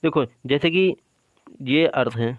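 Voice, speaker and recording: Taking it slowly in a mid-range voice, a male teacher delivers exam-prep material. He drills terms with repeated questions and answers, says "ठीक है" after almost every point, and explains a drawing step by step. The recording is dull, with no echo.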